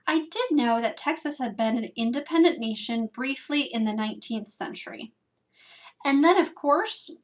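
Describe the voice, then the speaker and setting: A young librarian from Wisconsin, with a fairly high voice and the local accent, narrates a scripted lesson. She stays lively, asks plenty of questions, and pokes a little fun at herself.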